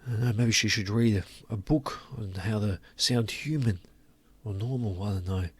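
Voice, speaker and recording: A commentary channel host speaks in a lowish, slightly rough voice at a moderate pace. He offers his audience scornful, sarcastic opinions, drawing out words for emphasis.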